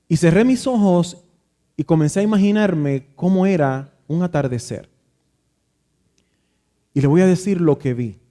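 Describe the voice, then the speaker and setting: A man preaches a sermon in an unhurried storytelling manner, pausing and restarting as he recalls scenes. His voice sits a little high for a man, but its tone is dark and mellow. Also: animated. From Dominican Republic. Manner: reflective, nostalgic storytelling with frequent restarts. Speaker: pastor.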